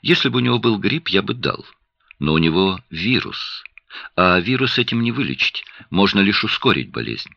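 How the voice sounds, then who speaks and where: A man's voice: sits low, big pitch swings, normal speed, creaky, no echo, highs cut off, heavily acted. A man reading an audiobook, voicing a tired, short-tempered young father who keeps his tone guarded. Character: weary, irritable young father and doctor.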